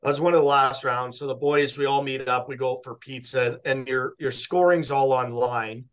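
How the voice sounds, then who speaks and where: A young man from Canada, a podcast guest, telling a rambling, animated story in casual chat and often quoting himself. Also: mid-range voice, normal speed. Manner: rambling, animated retelling with quoted self-talk and frequent "like".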